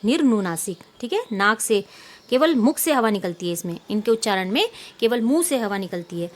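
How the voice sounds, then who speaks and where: A woman's voice: medium pitch, animated, brisk. A woman teacher explaining grammar patiently to pupils, repeating points and answering her own questions, with English words mixed in. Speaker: school Hindi teacher. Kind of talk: online class lesson.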